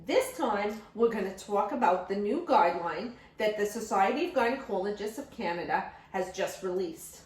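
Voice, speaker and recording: A woman's voice: mid-range voice, expressive, normal speed, few pauses, a little mellow, close to an everyday voice. A woman playing a gushing chat show host. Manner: gushing, peppered with Yiddish exclamations. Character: gushing, chatty female talk show host. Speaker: talk show host character. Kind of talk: comedic sketch parody for nurse education. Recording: roomy sound from a distant mic.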